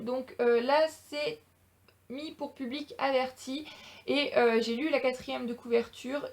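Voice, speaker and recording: A young woman with a French accent and a high, light voice talks through a casual book haul vlog. She sounds enthusiastic and chatty, pausing often on fillers as she goes. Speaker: booktuber.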